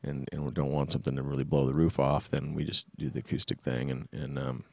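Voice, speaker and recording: A man's voice: a bass voice, level tone, fast, gravelly, darkish tone, no room sound. A man in his fifties, a musician and band leader, talking in an easygoing, plainspoken way in casual podcast chat. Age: 50s.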